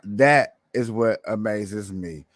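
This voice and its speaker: A man's voice: on the low side, takes it slowly, no room sound, studio quality. A man hosting a livestream with casual political commentary, opinionated and colloquial, repeating phrases for emphasis. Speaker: livestream host.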